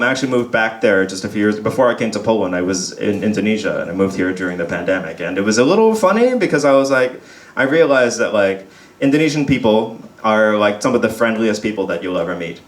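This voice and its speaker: This young stand-up from Texas talks fast in a fairly low voice, laughing often through his chatty, self-deprecating pub set. Faint crowd murmur fills the roomy pub sound.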